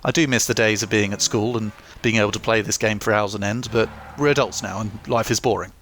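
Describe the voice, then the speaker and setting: A man's voice: on the low side, fairly even intonation, quick pace, fairly bright tone, slight background noise. A young man reading a scripted game review with dry, self-mocking humour. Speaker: gaming YouTuber.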